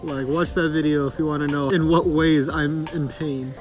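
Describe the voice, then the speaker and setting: A man's voice: on the high side, fairly even intonation, moderate pace, dull audio. A man co-hosting a vlog, talking casually in informal, conversational phrasing. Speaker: vlog co-host. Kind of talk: casual couple vlog chat. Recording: music behind speech.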